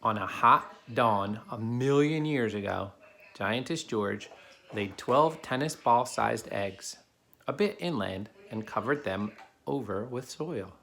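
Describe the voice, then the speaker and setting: Expressive and slow, a man with a medium-pitched, slightly bright voice reads a picture book aloud to a child helper. He explains things in simple terms, and background noise is clearly heard.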